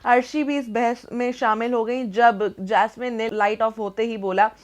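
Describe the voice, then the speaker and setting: A woman's voice: a little high, fairly even intonation, unhurried. A young adult woman presenting entertainment news in a chatty scripted narration, slipping English phrases into her talk.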